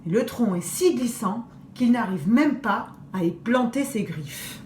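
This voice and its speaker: Expressive woman reading a children's tale. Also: on the high side. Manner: expressive, deliberate storytelling. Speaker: teacher. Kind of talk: reading a children's story aloud. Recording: echoey room, faint hiss.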